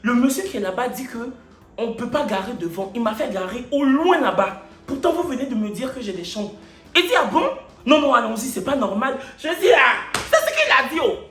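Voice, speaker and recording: A man vlogging, telling a comic story to camera in an animated, mock-indignant, boastful way. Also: very high-pitched, brisk. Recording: roomy echo, faint music behind.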